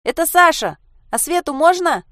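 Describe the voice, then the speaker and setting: Bold, pushy little girl who yells, as a woman reader puts her on. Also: very high voice, animated, moderate pace, dry recording, clean studio sound, voice pushed up. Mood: bossy loud. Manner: loud, insistent, shouting.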